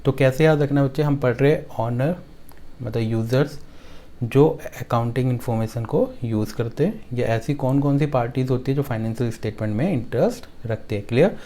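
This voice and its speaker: Lecturing students on accounts, a man from Delhi speaks with a Hindi-speaking accent in a warm, medium-pitched voice. He goes over key lines slowly and more than once, sets them to a rhyme for recitation, and keeps checking that things are clear.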